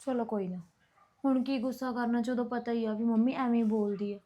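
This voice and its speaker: An actress plays a patient young wife defending herself against her mother-in-law. Her voice is high and her speech quick. She pleads and explains. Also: fairly even intonation, dull audio, close to an everyday voice. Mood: hurt. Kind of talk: village family drama acting.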